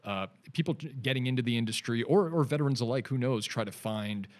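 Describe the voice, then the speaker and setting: A podcast guest in his forties, a digital artist with a Canadian accent, talks fast in a medium-pitched voice with a darkish tone. This casual studio interview chat rambles in a laid-back way, filled with fillers and restarts.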